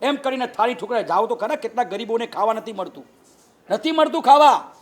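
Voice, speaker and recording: A man's voice: sits high, fast talker. A man with a Gujarati accent, a Jain monk giving a humorous sermon and acting out the people in his stories in a raised voice. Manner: animated, acts out quoted people with raised voice.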